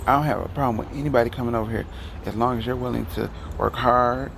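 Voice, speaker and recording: In a rambling vlog, a man from Detroit, Michigan heatedly vents his opinions to the camera in a Detroit accent. He talks fast with a steady, medium-pitched, gravelly and fairly bright voice, over slight background noise.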